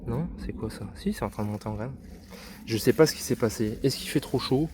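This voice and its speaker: A man's voice: medium pitch, brisk, a little mellow, a little hiss or hum. A man from France giving a casual, hesitant tour of his vegetable garden as a vlogger, filming on a phone outdoors. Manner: chatty, hesitant with many fillers, self-deprecating. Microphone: handheld phone camera. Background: neighbours' party.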